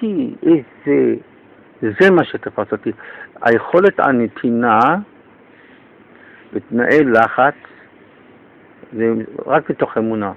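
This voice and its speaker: Male radio host: lively, excitable storyteller, average pitch, muffled lo-fi broadcast sound. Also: pauses often, slight background noise. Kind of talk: radio interview.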